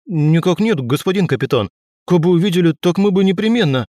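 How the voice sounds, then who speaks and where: A man's voice: high voice, animated, a little fast, dark tone, no echo, studio quality, pitched above the performer's own voice. A man doing a frightened servile driver. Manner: deferential, nervous.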